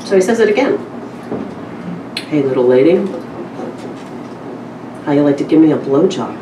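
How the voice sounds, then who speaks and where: A woman publisher speaks with a lowish voice at a literary event, introducing and reading a story in an expressive, candid, conversational style at normal speed. It feels like an informal live reading among acquaintances. She is recorded from a distance in a roomy indoor space with a small audience and noticeable background noise.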